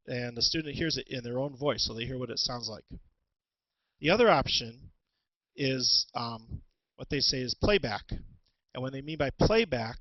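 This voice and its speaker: A man presenting an instructional webinar as a teacher, talking through tools in a halting way with many ums and restarts, on a headset. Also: medium pitch, fairly bright tone, no room sound, highs cut off. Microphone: headset with headphones.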